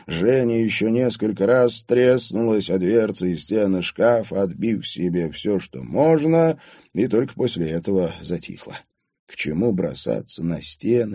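A man narrating an audiobook in lively, dramatic storytelling style. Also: lowish voice, dry recording, clean studio sound. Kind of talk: scripted narration.

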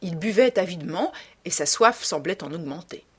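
Expressive woman narrating a classic novel. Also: fairly low pitch, moderate pace, breathy edge. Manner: expressive literary reading. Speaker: audiobook narrator. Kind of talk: scripted narration.

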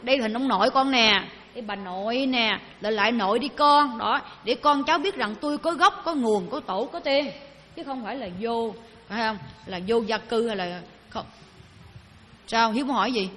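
A woman's voice: on the high side, moderate pace, fairly bright tone, slight background noise. A woman giving a Buddhist dharma talk, chatting with her audience and asking them questions. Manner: conversational, asks the audience questions. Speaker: Buddhist teacher. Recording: long hall reverb.

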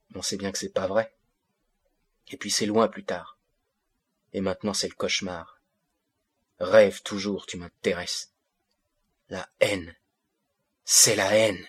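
A man with a low, husky voice reads an audiobook monologue in first person, playing an angry fifteen-year-old boy from the projects who speaks bitter street slang in agitated bursts. His pitch barely moves, and he is unhurried, pausing often.

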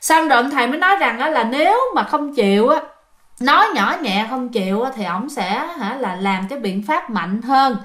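A woman's voice: fairly high pitch, lively intonation, moderate pace, fairly bright tone. A woman with a Southern Vietnamese accent telling a ghost story in a chatty style, talking straight to her listeners. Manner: chatty, addresses listeners directly. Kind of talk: casual spoken storytelling.

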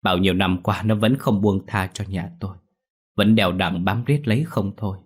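A man's voice: deep voice, moderate pace, slightly rough. A man voicing a grieving old grandmother in an audio ghost story, wailing and pleading.

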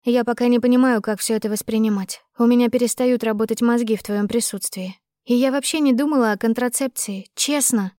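A woman's voice: fairly high pitch, steady tone, fairly quick, hardly any pauses, mellow, no echo, studio quality, close to an everyday voice. A woman doing an eager, pleading young lover. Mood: earnest. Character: loving, earnest young woman.

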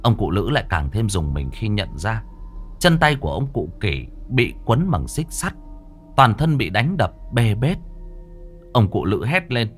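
A man narrating a Vietnamese village ghost story in a vivid, expressive storytelling manner. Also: on the low side, unhurried, husky, soft background music.

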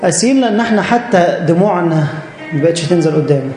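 Quick, earnest Egyptian preacher. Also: male voice, on the high side, expressive, darkish tone, echoey room, soft background music. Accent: Egyptian Arabic. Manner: earnest, direct, repeats phrases for emphasis. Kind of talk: church sermon.

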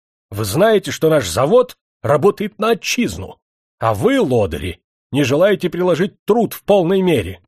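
A man voicing an arrogant, hot-tempered nobleman who owns a factory, shouting indignantly in an audiobook. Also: a little high, huge pitch swings, moderate pace, breathy edge, dry recording, studio quality, pitched above the performer's own voice, heavily acted.

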